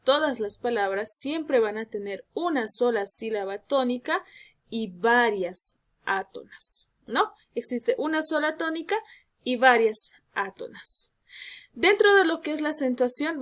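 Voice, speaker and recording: A woman teacher giving a lesson, speaking slowly and emphatically and drawing out her example words. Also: on the high side. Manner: addresses students as "jóvenes". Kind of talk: classroom lesson.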